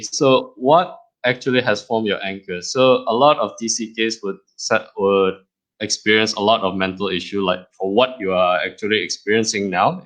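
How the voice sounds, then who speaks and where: Guy hosting his podcast, lowish voice, friendly easy chat. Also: a bit bright, rough recording. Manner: friendly, chatty, laughs easily. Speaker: podcast host and creator. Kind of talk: casual interview chat.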